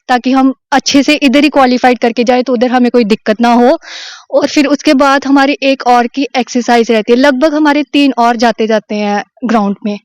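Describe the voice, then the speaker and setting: A woman's voice: sits high, smooth, no room sound. A young woman training for recruitment, giving earnest, plain-spoken answers in an outdoor interview. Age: young adult. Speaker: recruitment aspirant.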